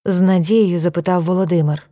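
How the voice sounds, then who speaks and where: A woman narrating an audiobook in a calm, even reading voice. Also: fairly low pitch, a little fast. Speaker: audiobook reader.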